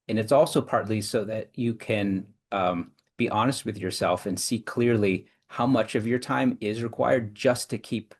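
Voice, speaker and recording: A man with a notably deep voice speaks as an interview guest. He lays out his points in long, careful chains of reasoning, often circling back to restart a phrase. The delivery is measured and explanatory. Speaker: clinical psychologist and executive coach, guest.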